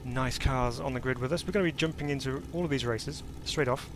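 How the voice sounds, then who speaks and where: A man's voice: medium pitch, brisk, background noise. A man streaming a sim race and commenting as he drives, in a chatty, upbeat way with many fillers. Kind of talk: live-stream commentary while racing. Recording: jazz music playing behind.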